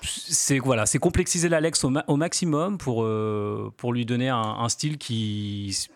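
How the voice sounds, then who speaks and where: A man in his forties, a graffiti artist guest on a radio show, explaining slowly with many fillers and restarts. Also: medium pitch, no echo, studio quality. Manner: hesitant, many fillers and restarts, laughs lightly. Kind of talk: casual radio interview.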